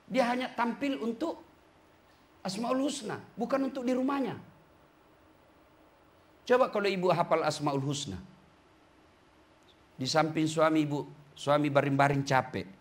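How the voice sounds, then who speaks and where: A man preaching a humorous sermon to a women's gathering, telling stories and acting out the voices in them. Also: high-pitched. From Indonesia. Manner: lively storytelling, acts out voices of husband and angels.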